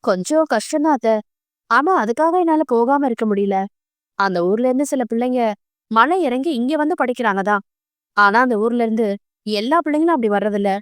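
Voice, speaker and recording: Narrator playing a fierce young teacher, light bright voice, quick and earnest. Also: female voice, a little high, expressive, clear, resonant tone, no echo, studio quality, natural voice. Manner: quick and earnest, sharp when angered.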